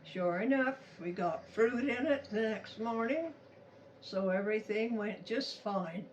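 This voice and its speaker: Recorded a little far from the mic with faint noise, an elderly woman in her nineties speaks slowly. She has a rural Utah American accent and tells her story in a folksy, halting, plain-spoken manner. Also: mid-range voice, muffled recording. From Utah, United States. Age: 90s. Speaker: grandmother telling a childhood story. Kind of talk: casual personal storytelling.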